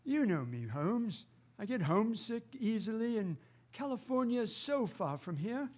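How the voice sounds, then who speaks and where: An actor playing a mild, gentlemanly doctor in a radio drama, courteous, hesitant and easily puzzled. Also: male voice, sits high, sing-song, moderate pace. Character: mild, puzzled, amazed male doctor, detective's gentlemanly companion. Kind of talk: theatrical radio drama acting.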